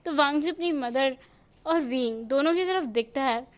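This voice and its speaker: A woman's voice: high-pitched, normal speed. A woman narrating a fan fiction story, switching into character voices for dialogue.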